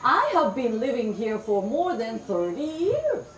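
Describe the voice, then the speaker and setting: With huge pitch swings and playful brightness, a middle-aged Japanese storyteller brings folk tales to a room full of children in a high, swooping voice. Her delivery is slow and clear, and she prompts the listeners to repeat words. The distant microphone gives the recording a roomy echo and a bit of faint background noise.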